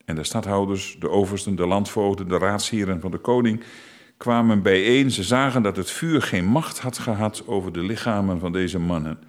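Man with a very low voice, Bible reader, slow and deliberate scripture reading with short asides.

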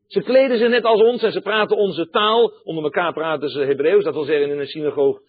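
Male preacher, emphatic sermon delivery, repeats key lines, talks straight to the congregation; fairly high voice, husky, tinny phone-like sound. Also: a little fast. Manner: emphatic, repeats key phrases, addresses listeners directly.

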